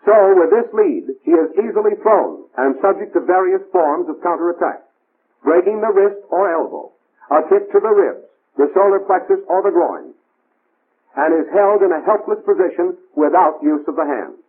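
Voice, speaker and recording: The tinny, band-limited soundtrack of a 1940s military training film carries a man's high-sitting, husky voice. He sounds animated at a normal pace, giving scripted, clipped, imperative instructions.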